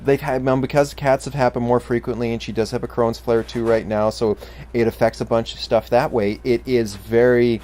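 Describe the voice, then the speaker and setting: A man co-hosting a casual chat, joking and self-deprecating, quoting people with animated put-on voices. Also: medium pitch, moderate pace. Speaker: co-host.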